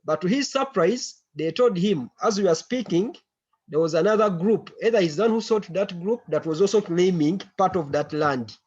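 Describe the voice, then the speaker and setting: A man's voice: high-pitched, darkish tone, breathy edge. A man heard over a conference call, briefing a committee meeting and stumbling over repeated words. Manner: halting, repeats words while searching for them. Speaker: meeting member giving a briefing. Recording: muffled, lo-fi online call audio.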